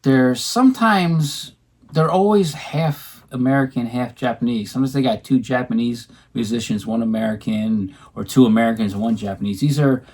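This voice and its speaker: Casual male co-host, rambling delivery with lots of ums, mid-pitched, at home. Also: normal speed, darkish tone, breathy edge. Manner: rambling, many ums and restarts. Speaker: co-host showing his record purchases. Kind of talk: casual chat.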